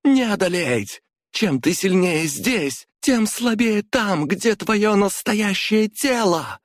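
Male narrator voicing a young noblewoman, high and shouting, defiant, dry audiobook. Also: expressive, takes it slowly, no echo. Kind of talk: audiobook character voice.

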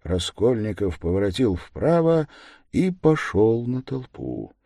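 A man reading an audiobook narration in a measured way, dropping low and quiet on reflective lines. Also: sing-song, vocal fry, no room sound, clean studio sound. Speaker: audiobook reader. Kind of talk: scripted narration.

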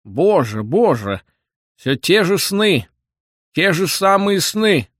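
A man voicing a fretful, tearful old male former official who wails in a high, drawn-out voice. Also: expressive, no room sound, studio quality. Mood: wailing.

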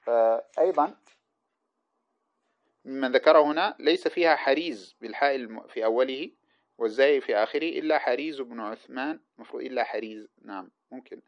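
A man's voice: mid-range voice, a little fast. A man teaching hadith sciences in a lecture, reading passages aloud and spelling out the letters and vowels of names as he explains them. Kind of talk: lecture commenting on a classical text. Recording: dull lo-fi recording.

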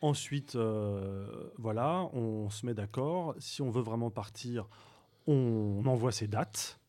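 A man whose first language is Arabic is a guest on a radio talk show, describing his volunteer trip. He speaks haltingly, with frequent fillers and restarts, in a medium-pitched, dark voice.

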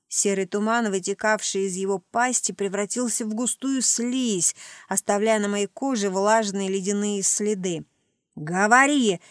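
A woman reading a first-person fantasy audiobook in a tense, dramatic way, with sharp commanding outbursts. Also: medium pitch, no room sound, studio quality. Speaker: audiobook narrator.

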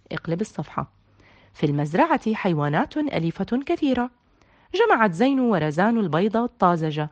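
A woman reading a children's picture book aloud, with expressive delivery and page-turn cues. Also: a little high, lo-fi sound. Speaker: storyteller.

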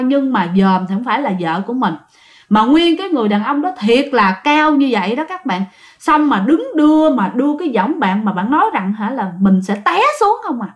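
Chatty woman storyteller. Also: high-pitched. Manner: chatty, addresses listeners directly. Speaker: ghost story narrator. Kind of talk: casual spoken storytelling. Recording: dull lo-fi sound.

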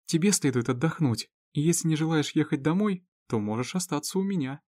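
A man voicing Lizzie, a caring, sharp-tongued woman, in a raised, teasing and scolding voice. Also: fairly high pitch, lively intonation, a little fast, dry recording, voice pushed up. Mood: chiding, caring.

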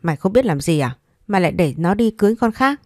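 A woman's voice: fairly low pitch, big pitch swings, fast talker, dry recording, clean studio sound. A woman voicing a harsh rural mother who scolds and threatens in a story reading. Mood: furious.

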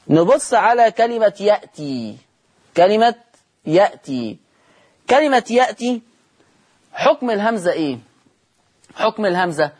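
A man with an Egyptian accent teaching a recitation lesson on television, asking questions and answering them himself and drawing out the example words slowly. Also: fairly high pitch, slightly rough. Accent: Egyptian Arabic.

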